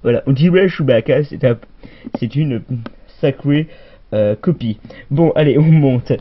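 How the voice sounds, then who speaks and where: A man's voice: medium pitch, unhurried, breathy edge. Man hosting a jokey toy-figure show; goofy, brusque mock-presenter in a middle register; dull lo-fi recording. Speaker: host. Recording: muffled lo-fi recording.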